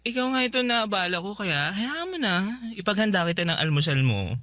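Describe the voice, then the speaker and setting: In a radio drama dialogue, a male actor voices a friendly, grateful, excitable salon owner. His high voice moves briskly, with a chatty, giggly, expressive delivery in full character.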